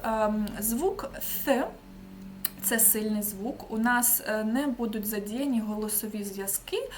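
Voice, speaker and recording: A woman teaching an online English pronunciation lesson, patiently demonstrating sounds slowly and checking in with the learners. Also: a little high, slight background noise.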